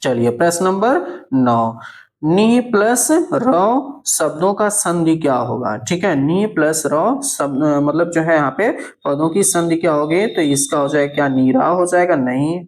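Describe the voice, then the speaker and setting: A male teacher works through an exam answer key, posing questions and answering them himself. His fairly high, animated voice often stretches words out slowly for emphasis, and he keeps checking in with "thik hai".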